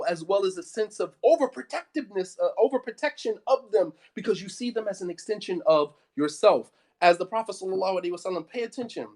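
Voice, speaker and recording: A man's voice: high voice, darkish tone. An American man, an Islamic studies teacher, giving an impassioned, emphatic talk that keeps repeating his points and asking if you follow. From United States. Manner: emphatic, repetitive, peppered with 'you know what I mean'.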